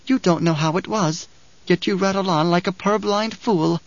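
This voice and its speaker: A man's voice: high voice, normal speed, no room sound, voice pushed up. A man voicing a bitter, hostile old woman in an audiobook, speaking with contempt. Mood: scornful. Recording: dull, dry studio recording.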